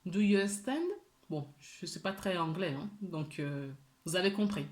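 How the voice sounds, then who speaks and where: A woman doing a weekly spiritual card reading, gently encouraging her viewers and repeating key words for emphasis. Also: deep voice, normal speed, roomy sound. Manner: gentle and encouraging, often asks for agreement. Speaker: tarot and oracle card reader.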